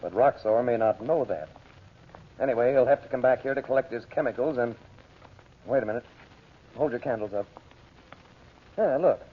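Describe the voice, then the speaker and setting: An actor playing a commanding, protective American magician in an old-time radio adventure serial, speaking briskly with authority. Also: male voice, medium pitch, natural voice. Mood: firm, urgent. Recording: dull, noisy old radio recording.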